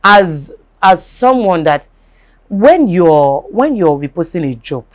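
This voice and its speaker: Animated Nigerian woman hosting a chat. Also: fairly low pitch, takes it slowly. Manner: animated, repeats herself and checks understanding. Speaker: talk show host. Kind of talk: casual chat.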